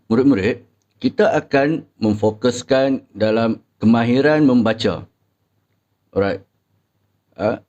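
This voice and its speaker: A young man with a Malaysian Malay accent, teaching pupils a reading lesson slowly and deliberately, with frequent filler sounds. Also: mid-range voice, a little mellow, highs cut off.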